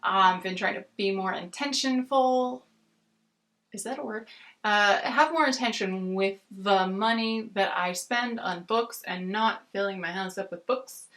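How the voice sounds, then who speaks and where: An American woman chatting casually about books as a video reviewer, rambling and haltingly rephrasing as she goes. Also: on the high side, a bit bright. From United States. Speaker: book reviewer on a video channel. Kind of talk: casual book chat to camera.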